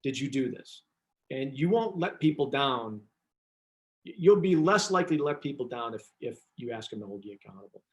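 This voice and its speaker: A man's voice: medium pitch, expressive, brisk, muffled recording. A man who works as a business coach, telling chatty anecdotes and often drifting off track mid-sentence. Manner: chatty, rambling, self-interrupting. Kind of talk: casual talk, telling anecdotes.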